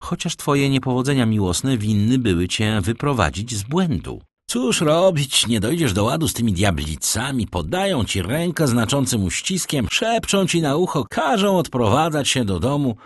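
A man voicing a worldly young gentleman in an audiobook, speaking in a wry, lecturing way. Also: mid-range voice, sing-song, moderate pace, hardly any pauses, dry recording, studio quality, pitched above the performer's own voice.

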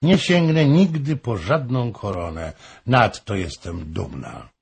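A man's voice: on the low side, lively intonation, slow pace, creaky, breathy edge, heavily acted. A man voicing a proud, indignant young woman. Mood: proud puzzled. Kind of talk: audiobook reading.

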